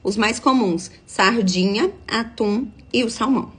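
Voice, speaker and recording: A young adult woman, her voice a bit high and husky. She explains nutrition like a nutritionist on a live stream, stopping often to check that her viewers are following. She also answers her viewers' comments as she goes. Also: measured pace. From Minas Gerais, Brazil. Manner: explanatory, checks in with frequent tag questions.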